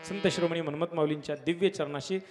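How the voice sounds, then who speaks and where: A man preaching a devotional kirtan sermon at a village gathering, fervent, swelling to loud exclamations. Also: on the high side, fairly even intonation, fast, soft background music. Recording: long hall reverb with harmonium and tabla.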